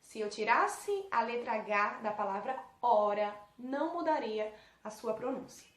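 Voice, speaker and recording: Woman, Brazilian Portuguese accent, teacher, patient, fairly high voice, echoey room. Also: expressive, measured pace. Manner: patient, asks pupils questions and answers them. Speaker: primary school teacher. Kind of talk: correcting homework for young pupils.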